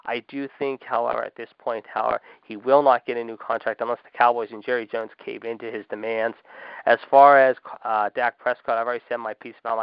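A man hosts a sports talk show, delivering emphatic opinions in a smooth, clear voice, leaning on fillers and a habitual "however". The recording is dry and slightly dull, like a modest home setup. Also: medium pitch, no echo. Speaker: podcast host. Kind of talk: opinionated sports commentary monologue.

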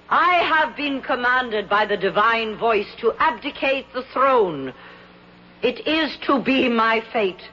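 A woman's voice: on the high side, a bit bright. An actress playing a queen who proclaims divine commands in a grand, goddess-like manner, in dated television drama style. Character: reluctant woman posing as queen, regally proclaiming a divine command. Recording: muffled old broadcast with hiss.

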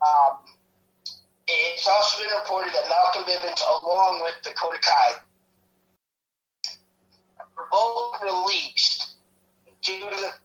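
A man's voice: high-pitched, fairly bright tone. A man hosting a casual podcast chat over an online call, speaking in a rambling way with many fillers while his connection keeps breaking up and sounding choppy. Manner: rambling, lots of fillers and restarts. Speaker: podcast host. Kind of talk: casual wrestling news chat. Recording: muffled, echoey call audio.

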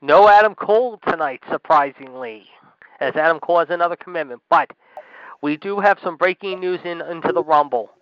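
A man's voice: a little high, fairly quick, dry recording. Hyped male wrestling commentator. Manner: excitable, hyped announcing. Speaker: co-host and play-by-play commentator. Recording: dry, dull lo-fi radio audio.

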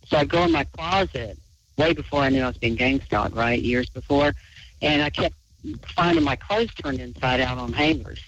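A man's voice: on the high side, fairly bright tone, slight background noise. A man hosting a late-night call-in chat, talking in a rambling way with many restarts. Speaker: host. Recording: dull lo-fi audio.

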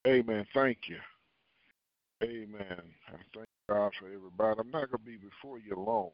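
A man preaching and praying, with a halting, prayerful delivery full of pauses. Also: lowish voice, dry recording, dull audio. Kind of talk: prayer and sermon.

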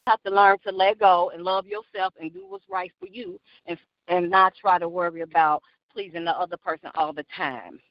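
A woman's voice: on the low side, lively intonation, brisk, vocal fry, hardly any pauses, no echo. An older woman calls in to a radio show, and her voice reaches the studio over a phone line. She talks earnestly and casually, circling back with repeated phrases. The sound is muffled and dry, with no room around it. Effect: voice heard over a phone call. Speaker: radio call-in caller. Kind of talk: casual call-in chat.

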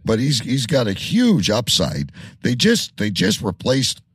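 A man's voice: mid-range voice, wildly swooping pitch, a little slow, slightly rough, no room sound, studio quality. A man hosting a casual sports podcast, talking loosely with many restarts and fillers. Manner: rambling, stumbles and restarts, fillers. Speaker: podcast host.

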